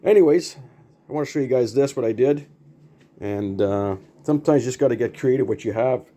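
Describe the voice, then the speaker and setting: This older man sounds brisk and warm, his pitch sitting in the middle range. Like a hobbyist proudly showing a home project, he demonstrates it casually and without a script, wandering and repeating himself in everyday language.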